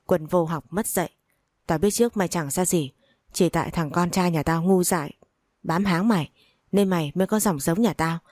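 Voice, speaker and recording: A woman's voice: fairly low pitch, moderate pace, a little mellow, dry recording, clean studio sound, lightly acted. A woman reading the lines of a greedy, spiteful older mother-in-law who scolds and curses. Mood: furious. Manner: scolding, cursing, sneering.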